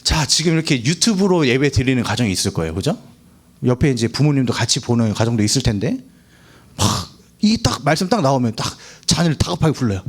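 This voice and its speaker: A man's voice: medium pitch, sing-song, fairly quick. A young man giving a playful youth sermon, quizzing the students and acting out quotes. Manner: playful, asks the students questions, acts out quotes. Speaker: youth pastor. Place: church hall.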